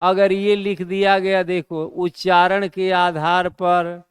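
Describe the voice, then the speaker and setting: A man teaching a classroom lesson, asking rhetorical questions and answering them himself, slowing down to stress key terms. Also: high voice, little pitch movement, smooth, no echo, studio quality.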